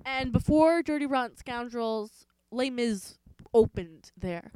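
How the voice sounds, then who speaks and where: A woman's voice: a little high, expressive, slow pace, a little mellow, slight background noise, poor audio. A young woman co-hosting a podcast, telling stories in a chatty way full of fillers. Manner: chatty storyteller, many "like" fillers. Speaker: podcast co-host. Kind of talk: casual chat.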